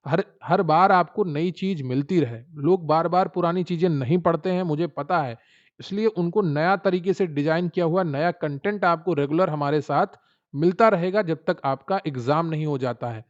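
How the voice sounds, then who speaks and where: A man teaching exam preparation who pitches his study notes persuasively and speaks straight to the viewer. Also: normal speed, muffled recording. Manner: persuasive, addresses viewers directly. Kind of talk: promotional exam-prep talk.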